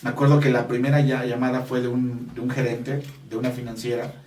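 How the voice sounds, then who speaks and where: A man's voice: mid-range voice, level tone, a little fast, darkish tone. Man, Mexican Spanish accent, business coach, interview story, earnest, emphatic, roomy, distant mic. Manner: earnest and emphatic, addresses listener directly.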